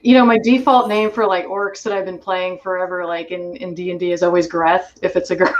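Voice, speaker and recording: Chill woman guest in a tabletop game, thinks out loud, muffled lo-fi sound. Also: on the low side, level tone, fairly quick. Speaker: guest player. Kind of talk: casual tabletop role-play. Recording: dull lo-fi audio.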